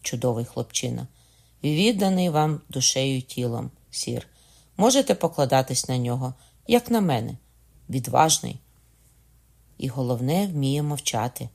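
A male reader putting on a loyal young soldier in a spoken storybook, blunt and resolute, sworn to revenge. The voice sits in a middle register, firm rather than loud. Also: medium pitch, animated, unhurried, gravelly. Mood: urgent.

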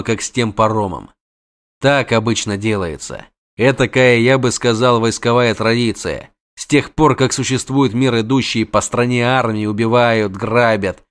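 A man voicing a calm, laconic male monster hunter who speaks flatly and without hurry. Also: lightly acted. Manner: flat, low, unhurried and dry.

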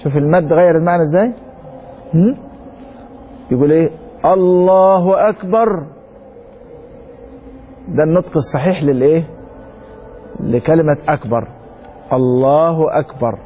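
A man with an Egyptian Arabic accent teaching a religious lesson, reading a text slowly and then explaining it with rhetorical questions to his students. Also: a little high, mellow, a little hiss or hum. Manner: reads a text slowly, then comments quickly. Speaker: sheikh teaching Maliki law.

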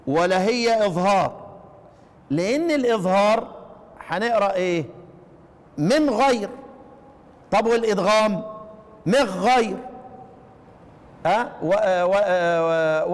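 High-voiced Egyptian man teaching recitation. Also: in a large hall. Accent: Egyptian Arabic. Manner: colloquial Egyptian teaching, frequent rhetorical questions; slows down to chant example phrases. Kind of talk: recorded lesson on Quranic readings. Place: class with students.

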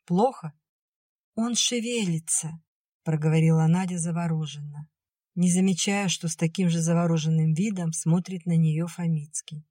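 A woman narrating an audiobook in a calm, measured way. Her voice sits low. The recording is dry with no room sound. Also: no echo.

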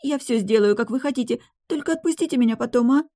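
A woman's voice: a little fast, a little mellow, natural voice. Woman doing a tearful pleading young woman. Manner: high, trembling, pleading.

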